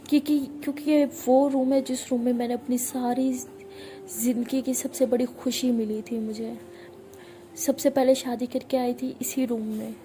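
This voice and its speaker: A woman's voice: high voice, mellow, a little hiss or hum, lightly acted. A woman voicing a middle-aged mother who is loving but strict, coaxing and scolding her daughter.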